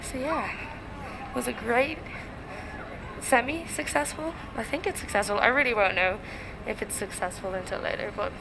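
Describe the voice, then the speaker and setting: A woman's voice: medium pitch, expressive, a little fast, vocal fry. A young woman talking casually and informally to a vlog camera. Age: young adult. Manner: chatty, informal. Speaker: student vlogger. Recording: noisy outdoor city vlog.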